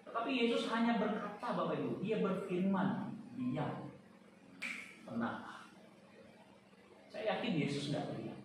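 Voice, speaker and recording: A man with a high-pitched voice preaches a sermon, dropping to hushed tones and then rising to loud, emphatic points while speaking straight to the congregation. He sounds far from the mic in a very reverberant church hall. A faint noise hangs behind him. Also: expressive, fairly quick. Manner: often addresses the congregation directly. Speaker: pastor.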